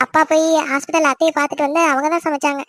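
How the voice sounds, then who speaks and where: A woman's voice: high-pitched, level tone, very fast, fairly bright tone, dry recording, studio quality. A woman voicing a teasing, bossy young older sister in a family cartoon, with a chirpy voice. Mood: caring. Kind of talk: cartoon voice acting.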